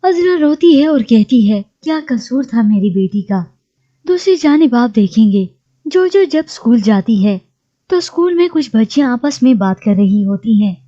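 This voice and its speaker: A woman narrating a recap of a TV drama in a steady storytelling read. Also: a little high, moderate pace, highs cut off.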